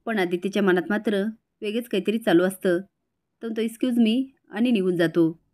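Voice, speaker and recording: A woman narrating a recap of a TV serial episode in a brisk, dramatic storytelling style. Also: mid-range voice, a little mellow.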